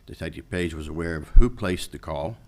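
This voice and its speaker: A man's voice: low-pitched, fairly quick. A man reading a report aloud as a citizen commenter at a council meeting.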